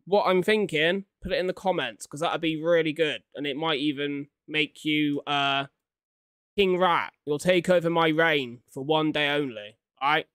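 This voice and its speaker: Close up on a desktop condenser microphone in a small room at home, a young reaction video host riffs casually with slang and exclamations. His voice is fairly high, clear and resonant, with a fairly bright tone and moderate pace, recorded dry.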